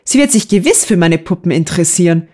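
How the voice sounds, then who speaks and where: A woman's voice: fairly low pitch, lively intonation, fast talker, dark tone. Cute little girl who loves her dolls, audiobook read by a woman. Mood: pleading.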